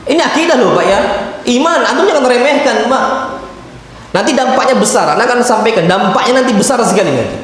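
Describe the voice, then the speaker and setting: A man's voice: extremely high pitch, lively intonation, fast talker, a bit bright. A male preacher delivers an emphatic sermon, firing questions straight at his congregation. His voice rings through a big echoing mosque hall with a long reverb tail. Faint background noise sits under the talk. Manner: emphatic, questions the audience directly. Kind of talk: sermon at a mosque study circle.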